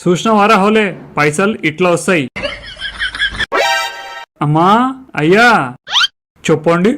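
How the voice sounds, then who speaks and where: A man's voice: high-pitched, unhurried, over loud music. A man playing a brash, crude male campaign worker who threatens voters, in a Telangana Telugu accent. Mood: crude boastful.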